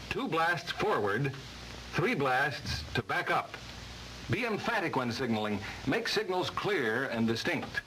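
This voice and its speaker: A noisy vintage film soundtrack carries an American man narrating in 1950s instructional style. His voice is bright and forceful, with lively, swinging intonation. He reads formally and emphatically, like a scripted training lesson. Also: mid-range voice.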